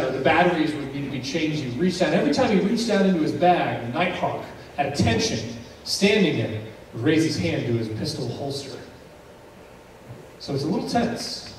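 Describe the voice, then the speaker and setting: A male pastor telling a story in a sermon, dramatic and suspenseful, with pauses that build tension. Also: on the high side, a little hiss or hum. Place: church sanctuary. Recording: very echoey church recorded from a distance.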